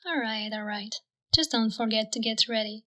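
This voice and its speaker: A man voicing a gentle, kind young woman in a children's storybook, speaking softly. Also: high-pitched, normal speed, voice pushed up. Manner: soft and gentle.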